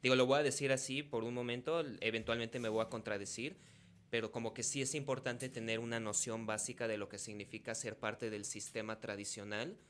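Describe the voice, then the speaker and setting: A man's voice: medium pitch, fairly even intonation, fairly quick, a bit bright. A man, hosting a casual interview podcast. He speaks in a thoughtful, articulate way and weighs his points. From Mexico. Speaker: podcast host.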